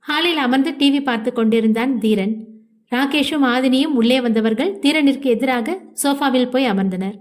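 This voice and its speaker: A woman reads an audio novel aloud as its storyteller. Her voice sits fairly high, and her reading is steady and expressive. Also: moderate pace.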